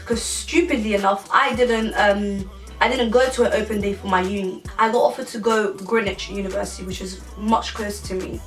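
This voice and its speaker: With a fairly quick pace and fairly even intonation, this woman in her 20s from England answers viewer questions in a relaxed vlog, wandering off and starting over a lot. Her medium-pitched voice sounds distant and slightly off-mic, in an echoey room with background music.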